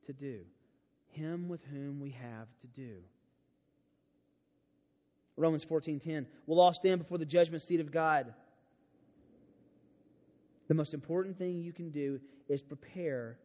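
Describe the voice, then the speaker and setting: A man preaching a sermon at a youth camp, animated and storytelling, moving from hushed to emphatic. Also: on the high side. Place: large church auditorium. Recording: dull sound with long hall reverb.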